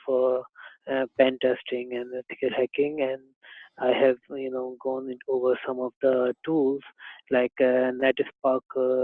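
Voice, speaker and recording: A man's voice: medium pitch, no room sound. A man giving an off-the-cuff presentation over a video call, hesitant and full of fillers. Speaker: conference speaker. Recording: tinny phone-like call audio.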